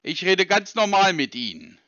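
Man doing a confused caller, high lively voice, bright tone, dry dull phone sound. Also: moderate pace, no room sound, heavily acted. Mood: stubbornly puzzled. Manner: feigns confusion, stubborn repeated questions. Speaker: scam-baiting caller. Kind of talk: prank call, playing dumb.

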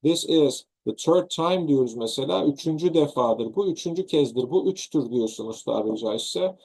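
A Turkish man teaches English grammar to exam students in a video lesson. His voice sits a little high with a gravelly edge. He works slowly through examples, repeating and rephrasing them. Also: lively intonation, a little mellow.

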